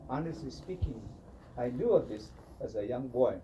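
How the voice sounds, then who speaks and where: A man telling a traditional story in an animated way, often saying "you know". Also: medium pitch, moderate pace, a little hiss or hum. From Hopi. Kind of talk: oral storytelling. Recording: distant mic with faint ambience.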